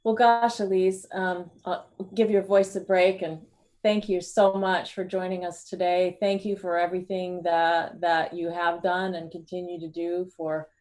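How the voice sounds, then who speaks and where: Low-voiced woman hosting an interview. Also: level tone, a little slow, darkish tone. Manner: hesitant, rambling, appreciative. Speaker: interview host. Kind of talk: casual interview over video call.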